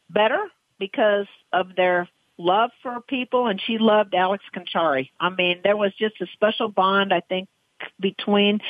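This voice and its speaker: A woman racehorse trainer in a phone interview, talking in an emotional, rambling way. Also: no room sound. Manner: emotional, rambling, voice jumps high when excited. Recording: tinny dry phone line.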